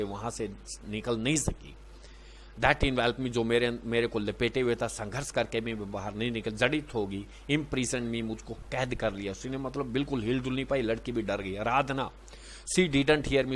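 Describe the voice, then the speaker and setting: A man with an Indian accent teaching a lesson. He reads English lines slowly, then explains them at a quicker, conversational pace. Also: medium pitch, slight background noise.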